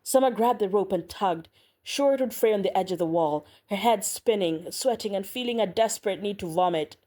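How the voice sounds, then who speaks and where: A woman narrating an audiobook in a measured, steady reading. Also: medium pitch. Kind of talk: scripted narration.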